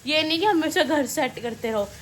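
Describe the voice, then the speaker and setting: A woman's voice: high-pitched, expressive, moderate pace, a little hiss or hum. A woman hosting a casual home vlog, talking chattily to her viewers and laughing at her own slips. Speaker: vlogger host. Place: home, indoors.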